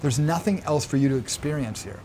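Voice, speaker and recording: Man quoting a calm, wise plant spirit. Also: a little high, fairly quick, slight background noise, close to an everyday voice. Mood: solemn.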